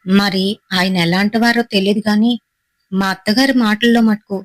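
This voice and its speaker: A woman's voice: mid-range voice, steady tone, moderate pace, dry recording, natural voice, poor audio. A woman voicing a wronged young wife and mother who speaks in a bitter, heartfelt, resolute way. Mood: reflective. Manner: bitter, heartfelt first-person telling.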